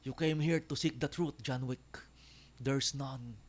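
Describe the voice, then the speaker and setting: A cold aristocratic villain, as a man imitates him speaks in a slow, clipped, grave voice. Every word is set apart with measured menace and lands a little low and distant from the mic. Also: steady tone.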